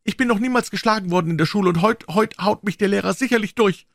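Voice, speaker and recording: A tearful, furious young schoolgirl from an audiobook, her voice pushed very high and shrill. She scolds in sobbing bursts, as a low-voiced male reader puts her on. The sound is close and dry. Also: quick pace, vocal fry, no room sound. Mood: tearful reproach.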